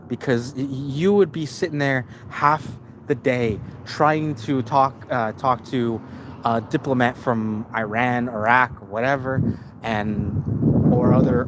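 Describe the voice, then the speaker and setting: A man hosting a casual live-stream rant at a middling pitch, swearing freely and restarting his sentences again and again. The audio is noisy, with traffic and street sounds behind him. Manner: rambling, profane, with many restarts.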